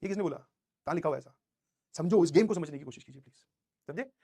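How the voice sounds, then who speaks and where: Young guy teacher, talks super fast with a high voice, animated storytelling to students. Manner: animated storytelling, hints of English. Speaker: coaching teacher. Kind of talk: motivational class talk.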